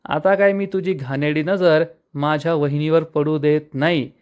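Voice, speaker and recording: A man's voice: fairly high pitch, steady tone, moderate pace, clear, resonant tone, dull audio, close to an everyday voice. A man reading the lines of a mischievous young brother-in-law who talks in a teasing way, in a raised voice.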